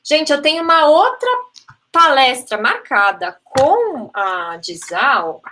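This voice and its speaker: A woman with a Brazilian Portuguese accent and a high, slow, sharp voice full of big pitch swings, with slight background noise. She's a language teacher giving a live online phonetics talk, answering chat questions in a chatty way, often adding "né?" and mixing in English terms.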